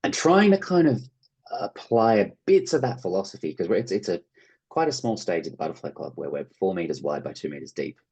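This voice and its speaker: His voice sits low with big pitch swings, a darkish tone, and a breathy edge, and he speaks fairly quickly. He's an Australian actor and theatre producer being interviewed, chatting informally and enthusiastically while acting out how people might react.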